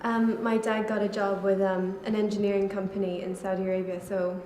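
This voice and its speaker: A young woman, a college student, answers interview questions casually and talks in a relaxed way full of fillers. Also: medium pitch, brisk, slight background noise. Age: young adult. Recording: echoey room.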